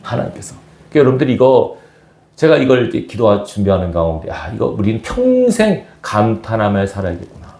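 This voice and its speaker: A man's voice: lowish voice, big pitch swings, a little fast, vocal fry, a little mellow, echoey room. A man preaching a sermon as pastor to his congregation, often asking them questions. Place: church sanctuary.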